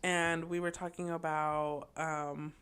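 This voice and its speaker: A woman's voice: deep voice, little pitch movement, slow pace, a bit bright, smooth. A woman co-hosting a podcast, telling stories in a casual, playful way peppered with "like". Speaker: podcast co-host. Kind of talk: casual storytelling chat.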